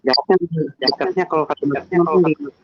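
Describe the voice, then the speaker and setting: A man's voice: fairly high pitch, quick pace, background noise. Guy calling in over a glitchy breaking-up line, muffled lo-fi sound, keeps repeating himself. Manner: repeats words and restarts phrases. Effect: choppy, breaking-up online call audio. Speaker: guest caller on a livestream. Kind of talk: casual call-in chat. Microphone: computer without headset.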